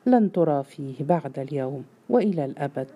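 امرأة تؤدي دور أب عجوز صارم ومتسلط يأمر بنبرة مهددة في قصة مسموعة. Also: female voice, low-pitched, animated, fairly quick, mellow, slight background noise. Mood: commanding. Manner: commanding, menacing. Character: stern, domineering old patriarch man.

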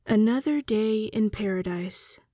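A woman plays a weary suburban wife telling her own story in an audio drama. She is slow, mellow and wry, recorded dry with music behind. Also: medium pitch, no echo, lightly acted. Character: weary middle-aged suburban wife narrating her ordeal. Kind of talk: first-person scripted audio drama narration.

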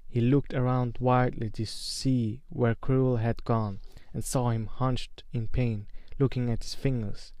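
A man reading a fantasy novel aloud in a slow, measured, dramatic way. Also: mid-range voice, warm tone, no room sound. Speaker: narrator.

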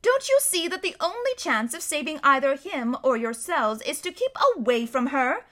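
A woman reading aloud voicing a practical, motherly female beaver who reasons things out briskly. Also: high voice, sing-song, fairly bright tone, pitched above the performer's own voice. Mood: reasoning.

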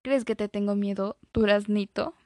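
Fields: Figure: woman doing a smug taunting young man. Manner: slow, mocking. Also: mid-range voice, steady tone, darkish tone, no room sound, studio quality, natural voice. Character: smug, menacing young male bully.

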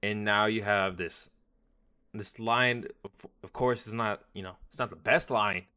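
A man talks football on a casual podcast in a lowish, bright, forward voice. He rambles and trips over his phrases, doubling back often. His delivery stays loose and conversational. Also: fairly even intonation, unhurried, smooth. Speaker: podcast co-host. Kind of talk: casual sports podcast chat.

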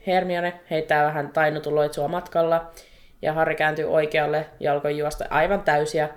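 A woman co-hosting a podcast in casual chat, retelling a book chapter in an animated, exasperated way with quick laughter. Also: low-pitched. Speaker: podcast co-host.

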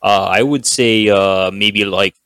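Young male podcast co-host, low voice, excitable banter, dry sound. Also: takes it slowly, smooth, no echo. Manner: excitable, animated outbursts, lots of fillers. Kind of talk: casual chat.

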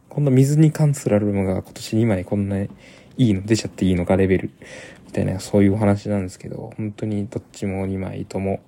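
A man's voice: lowish voice, vocal fry, warm tone. A young man hosting a casual solo podcast, rambling with many restarts and repeated fillers. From Japan. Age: young adult. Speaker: podcast host.

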